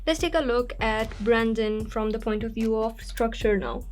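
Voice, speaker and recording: Blunt, fairly high-voiced woman critiquing. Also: moderate pace, faint music behind. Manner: blunt and direct, repeats words when stressing a point. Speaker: YouTuber reviewing application essays. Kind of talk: on-screen critique walkthrough.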